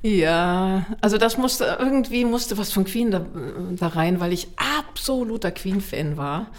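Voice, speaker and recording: As an interview guest, a children's songwriter and singer from Munich, Germany recounts personal stories with animation. She is middle-aged and speaks in a mid-range voice, a little slowly, chatty and expressive as she acts out remembered remarks.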